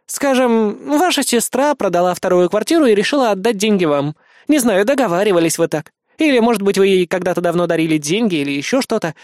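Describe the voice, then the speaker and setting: A stern, bureaucratic registry clerk woman lectures in a formal, officious tone, as a male audiobook narrator puts her on. Her voice is raised and sits high, and the reading is dry and close. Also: animated, fast talker, darkish tone, no echo.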